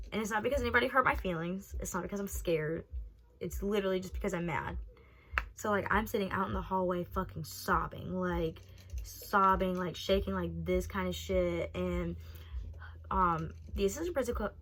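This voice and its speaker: Young female vlogger, casual and profane, animated storyteller. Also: mid-range voice. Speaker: vlogger telling a personal story.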